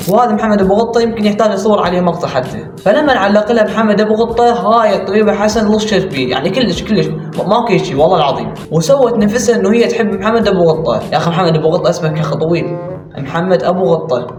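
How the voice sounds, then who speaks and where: A man's voice: high voice, a little mellow. A man with an Iraqi accent giving mocking, sarcastic reaction commentary. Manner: mocking, sarcastic, rapid-fire ranting. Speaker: commentary YouTuber. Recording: roomy, distant mic, music behind.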